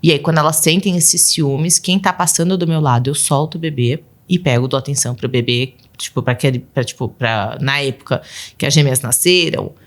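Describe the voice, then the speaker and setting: A woman's voice: rumbling low, a little fast. A woman in her thirties, a podcast guest and mother of twelve, telling casual stories and acting out her children's voices with frequent laughs. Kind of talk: casual storytelling interview.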